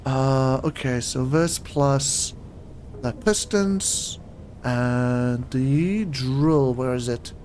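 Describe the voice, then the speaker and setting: A man's voice: medium pitch, extremely slow, darkish tone, slight background noise. A young man streaming a game, chatting in a rambling way and often getting puzzled, recorded on a desk microphone at home. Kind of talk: casual live-stream chat while playing.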